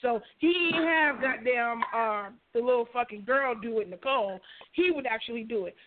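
A speaker in a casual chat acting out phone calls in a lively way, with little sound effects. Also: medium pitch, moderate pace. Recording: tinny phone line with loud hiss.

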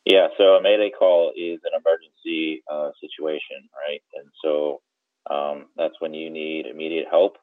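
A man appears as a guest boating expert on the radio, giving conversational, step-by-step instruction and often checking in with the listener. His voice is extremely low with little pitch movement and a moderate pace. The recording is dry, with narrow, tinny audio.

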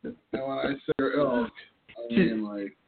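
A man's voice: medium pitch, lively intonation, measured pace, vocal fry, a loud crowd. A man co-hosting a podcast over a phone call, holding the phone away from his mouth so he sounds faint and distant, rambling loosely and swearing often. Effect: faint and distant, phone held away from his mouth. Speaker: podcast co-host. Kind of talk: casual chat on a phone call. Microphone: phone held away from the mouth. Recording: tinny phone line.

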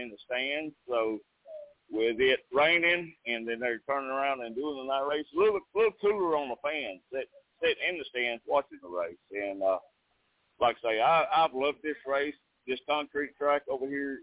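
A man's voice: medium pitch, expressive, normal speed, no room sound. A man chatting casually and in a folksy, easygoing way as a race fan interviewed over the phone. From Nashville area, United States. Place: outdoors in a campground pool beside a racetrack. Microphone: phone call. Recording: narrowband phone-like call, dry.

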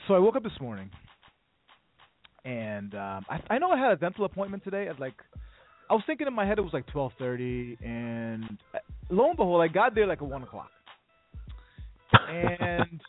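A man hosting a casual sports talk show, telling a rambling story and acting out the dialogue. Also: sits high. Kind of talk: casual radio chat. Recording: phone-like audio with faint music.

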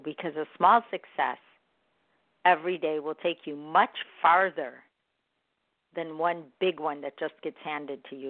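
A woman giving a gentle, encouraging and reflective motivational self-help talk. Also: fairly low pitch, no echo. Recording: dry, tinny phone-like sound.

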